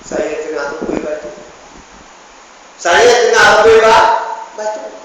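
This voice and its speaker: A man's voice: sits high, slow pace, a bit bright, a little hiss or hum, voice pushed up. A male preacher voicing a poor, weary mother who gives plain, resigned answers, in an echoey hall recorded from far off. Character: poor widowed mother, weary older woman.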